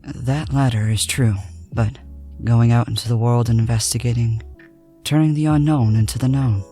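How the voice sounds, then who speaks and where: A woman voicing a calm, soft-spoken young male alchemist in a polite, measured whispered role-play. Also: rumbling low, faint music behind, voice pushed down. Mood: gentle.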